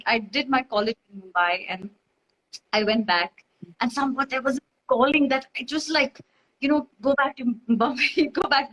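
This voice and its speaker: A woman's voice: high-pitched, a bit bright, poor audio. A woman from Dubai, a guest in casual chat, talking in a rambling, bubbly way full of fillers and restarts. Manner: rambling, bubbly, many fillers and self-corrections.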